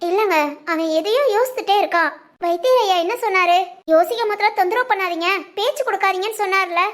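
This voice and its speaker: A woman playing a caring village wife who speaks gently and coaxingly. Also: very high voice, quick pace.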